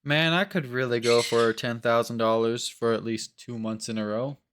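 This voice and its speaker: Young male co-host, mid-pitched, animated and loose, crude humor. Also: normal speed, slight background noise. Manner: animated, crude jokes, many fillers. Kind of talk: casual chat.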